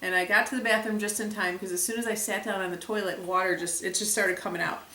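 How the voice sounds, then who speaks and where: A young woman vlogger chatting casually to the camera, retelling events with lively acted quotes. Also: mid-range voice, fast, far from the mic. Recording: echoey room, a bit off mic.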